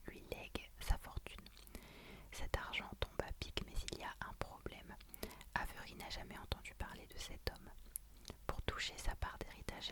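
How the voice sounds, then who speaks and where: A woman whispers throughout in a hushed, library-quiet ASMR style. Her voice is soft and breathy, almost entirely unvoiced, as she talks through books and reads their blurbs. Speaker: ASMR creator. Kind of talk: whispered ASMR book wishlist, reading out blurbs.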